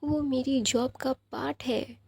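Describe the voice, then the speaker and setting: Tearful young man, read by a woman, plaintive, dark and gravelly tone. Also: high voice, steady tone, slow pace, no echo, full character voice.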